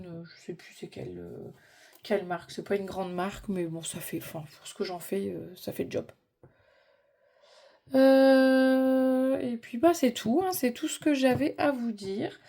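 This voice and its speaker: Woman, middle-aged, mellow tone, fairly high voice, informal rambling vlog chat, some background noise. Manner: informal, rambling, thinking aloud. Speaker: vlogger. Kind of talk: casual hobby vlog chat.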